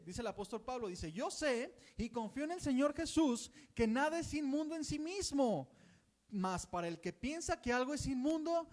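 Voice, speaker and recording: A man with a Mexican Spanish accent preaching a conversational sermon and acting out the voices of gossiping churchgoers. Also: very high voice.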